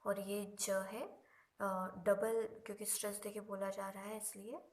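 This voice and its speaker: A woman teaching a language lesson, explaining each example slowly and patiently, with drawn-out repetitions. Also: medium pitch, flat delivery. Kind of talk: Korean lesson explained in Hindi.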